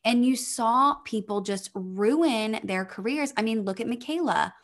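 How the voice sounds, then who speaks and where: A woman's voice: a little high, measured pace. A woman in her thirties co-hosting a podcast, chatting casually, laughing often and trailing off with fillers. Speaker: podcast co-host. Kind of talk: casual chat.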